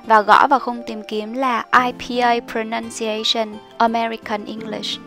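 A young woman explaining study tips as a teacher, in a chatty, explanatory way with soft fillers. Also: fairly high pitch, level tone, unhurried. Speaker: IELTS teacher. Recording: soft music behind the voice.

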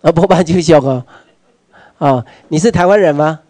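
A somewhat high, mellow male voice with a Taiwanese accent, lecturing a workshop audience in a meeting hall. He fires questions at listeners and drops in Hokkien phrases. His delivery swings from hushed asides to loud urging, recorded close and dry. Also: normal speed.

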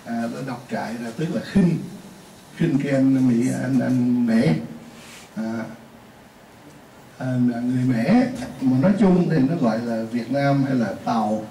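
A mellow, mid-range male voice, a little slow, leads a classroom lesson full of repeated examples and chatty asides. The recording is roomy, from a distant mic, with a faint hiss.

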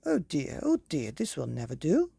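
A woman's voice: low-pitched, wildly swooping pitch, normal speed, gravelly, mellow, breathy edge, dry recording, full character voice. A woman voicing a vain, easily flustered fairy godmother in a storybook, prim and chattering. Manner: prim, chattering, self-absorbed.

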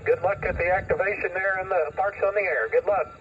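A man's voice: sits high, fairly even intonation, brisk. Distant man heard over ham radio. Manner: hesitant, with fillers between call signs. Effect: heard over a ham radio receiver. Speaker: radio operator calling from another state. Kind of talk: radio contact exchange. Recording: distant lo-fi radio audio with static.

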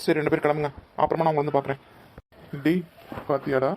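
Rough-talking man in a cartoon. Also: fairly high pitch, level tone, quick pace, a little mellow, a little hiss or hum. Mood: confrontational. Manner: rough, confrontational street talk. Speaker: cartoon voice actor voicing several young men. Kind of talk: dubbed cartoon dialogue.

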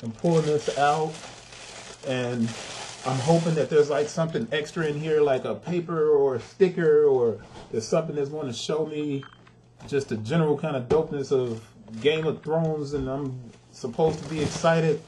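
Frustrated man reviewing sneakers, mellow voice. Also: on the high side, normal speed, a little hiss or hum. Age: adult with a son. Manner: frustrated, emphatic, talks to viewers directly. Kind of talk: casual video review.

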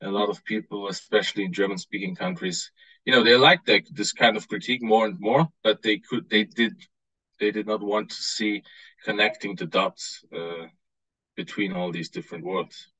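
A man in his thirties from Austria speaking as a panelist on a video call, earnest and halting with many fillers. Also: lowish voice, fairly even intonation, bright, forceful tone, husky, dry recording, rough recording. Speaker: panelist, author. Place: home room indoors.

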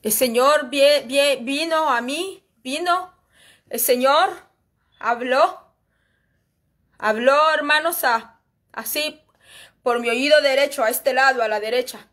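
A woman with a high, bright voice gives an earnest religious testimony. She circles back over the same phrases again and again. She keeps turning to her listeners as brethren while she preaches. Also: takes it slowly, pauses often. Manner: repetitive, earnest, often addressing listeners as brethren. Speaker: lay preacher sharing a revelation.

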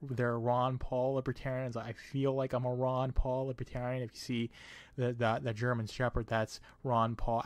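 A man's voice: mid-range voice, dry recording. Easygoing rambling man vlogging. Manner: easygoing and rambling, laughs between thoughts. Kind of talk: casual vlog narration.

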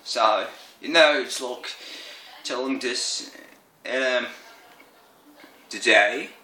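A man's voice: medium pitch, sharp tone, a little hiss or hum. A man rambling casually in a vlog with lots of fillers and restarts, his voice tired and strained. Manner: halting, full of fillers and repeats. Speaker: vlogger. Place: indoor room. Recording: echoey room.

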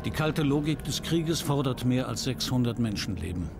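A man's voice: medium pitch, expressive. Grave male documentary narrator over music. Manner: grave, measured, short dramatic sentences. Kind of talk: scripted history documentary narration. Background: background music.

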